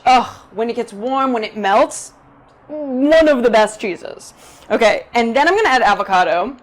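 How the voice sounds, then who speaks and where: A young woman hosting a live cooking demo in her home kitchen, chatting brightly to viewers, a self-described loud talker. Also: fairly high pitch. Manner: bubbly, chatty, addresses viewers directly. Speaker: cooking video host. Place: home kitchen in a Brooklyn apartment. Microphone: 360 camera rig.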